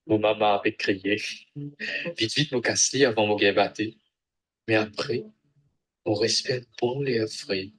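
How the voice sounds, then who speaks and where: A man's voice: fairly low pitch, a little slow, long pauses, fairly bright tone, poor audio. A man from Mauritius with a Mauritian accent, reciting a poem in short phrases. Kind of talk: poetry recitation in Mauritian Creole.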